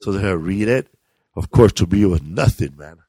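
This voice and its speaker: A man's voice: deep voice, expressive, fairly quick, dark tone, slightly rough, no room sound. A middle-aged man, a comedian and host, telling stories in a casual, rambling and profane way. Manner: profane, rambling, laid-back delivery. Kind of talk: casual storytelling chat.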